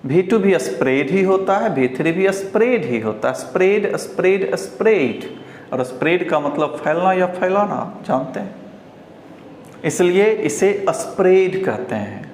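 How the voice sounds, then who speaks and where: Slow, echoey Indian man teaching pronunciation. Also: sits high, expressive, a little mellow. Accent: Indian, Bihar. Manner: slow, repeats each word several times, drawn-out model words. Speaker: English teacher. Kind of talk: pronunciation lesson. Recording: roomy echo, faint background hiss.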